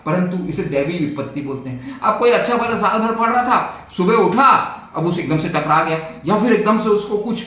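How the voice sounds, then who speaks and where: A man's voice: high voice, expressive, normal speed, few pauses, fairly bright tone, far from the mic. An older man, a doctor, telling a patient's story and giving earnest, folksy advice, repeating his key points. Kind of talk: storytelling talk to camera. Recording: very echoey room.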